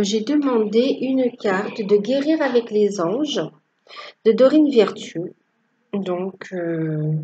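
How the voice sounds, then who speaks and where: A woman giving a tarot reading to her viewers, with a halting delivery that repeats phrases. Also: fairly high pitch, a little mellow, lo-fi sound, slight background noise. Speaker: tarot reader.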